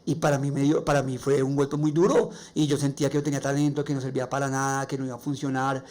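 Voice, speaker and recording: A man with a Colombian accent and a nasal, raspy voice, hosting a faith-based podcast monologue and sharing personal stories earnestly. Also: mid-range voice, little pitch movement, quick pace, darkish tone. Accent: Colombian Spanish. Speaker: podcast host.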